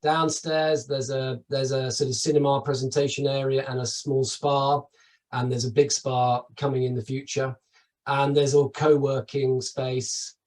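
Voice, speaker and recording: A middle-aged man from the UK talks through a webinar slideshow in a chatty, enthusiastic way, full of asides and quick restarts. His voice sits in an ordinary middle register. It sounds a little distant from the microphone. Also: mid-range voice, a little mellow. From United Kingdom. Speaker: travel company presenter. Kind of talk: webinar presentation over slides.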